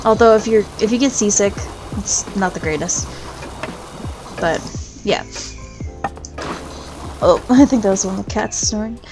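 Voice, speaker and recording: A woman's voice: medium pitch, measured pace, pauses often, rough recording. Chatty woman rambling over gameplay. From United States. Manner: rambling and chatty, drifts between topics. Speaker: VTuber gaming streamer. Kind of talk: casual chat over gameplay. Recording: game music clearly underneath. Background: video game music.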